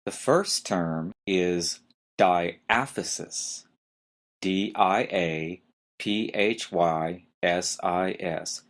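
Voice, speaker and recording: A low-pitched man draws out his words as he hosts a medical terminology podcast. In this slow, spelled-out lesson, he goes letter by letter through each term and points out where the stress falls.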